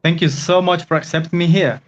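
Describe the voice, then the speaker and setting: An earnest man joins the talk as a guest. His voice sits a little high, and the sound is dull. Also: steady tone, fairly quick.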